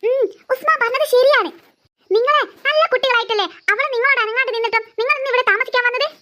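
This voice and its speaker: A sharp-tongued cartoon mother scolds and mocks her daughter. The voice sits very high and sounds bright and sharp. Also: fast talker. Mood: scolding. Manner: scolding, sarcastic. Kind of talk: cartoon voice acting.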